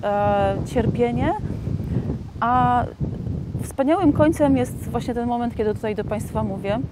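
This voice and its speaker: A woman in her thirties talking reflectively about personal experience, in a halting, hesitant way. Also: on the high side, background noise. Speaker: debut poet and author. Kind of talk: personal reflective interview talk.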